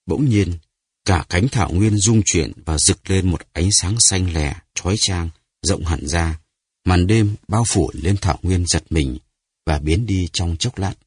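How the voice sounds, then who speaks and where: A man narrating an audiobook story in a measured, dramatic reading. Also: low-pitched, a little mellow, husky, no room sound, clean studio sound.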